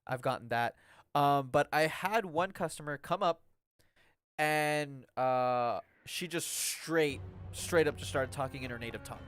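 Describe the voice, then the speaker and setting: A man's voice: on the high side, unhurried, a bit bright, clear, resonant tone, dry recording. A young man casually chatting on a live game stream, rambling with lots of "like" and "um". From Mexican-American. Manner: rambling and chatty, full of "like" and "um", laughing often.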